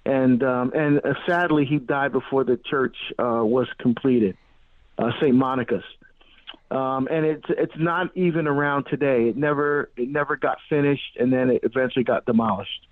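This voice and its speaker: A middle-aged man born in Barbados and raised in New Jersey, a guest on a radio interview, telling his story with animated restarts and many fillers. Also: medium pitch, normal speed, no echo. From born in Barbados, grew up in New Jersey. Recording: tinny phone-line sound, dry.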